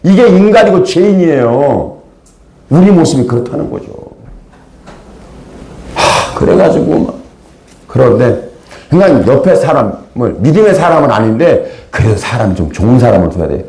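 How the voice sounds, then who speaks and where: A male pastor preaching a Sunday sermon, telling a story with acted-out voices and sudden loud bursts. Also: medium pitch. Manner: animated storytelling, acts out characters, sudden loud outbursts. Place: church sanctuary. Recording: echoey church hall.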